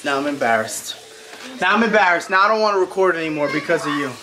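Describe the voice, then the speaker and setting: A man's voice: a little high, animated, fast. A man in his thirties chatting casually to a handheld camera at home, rambling and teasing, swearing often. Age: 30s. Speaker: family vlogger. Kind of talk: casual vlog chat. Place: home kitchen and bedroom, indoors. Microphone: handheld camera at arm's length. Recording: noisy home camera audio.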